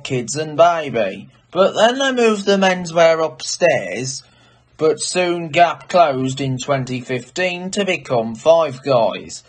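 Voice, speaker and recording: A man giving an informal video tour as an enthusiastic hobbyist, explaining details as he goes. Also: on the high side. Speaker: vlogger giving a tour of lifts. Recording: background noise, varying distance from mic.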